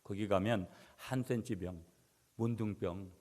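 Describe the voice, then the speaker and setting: A middle-aged man preaching a sermon as pastor, swinging between loud emphatic passages and quiet asides to the congregation. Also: lowish voice, measured pace. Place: church sanctuary. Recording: church hall reverb.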